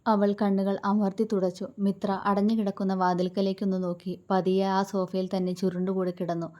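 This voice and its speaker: A woman storyteller narrating a romantic family tale. Her voice is mellow and warm, and she reads in a calm, even way. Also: medium pitch, a little fast.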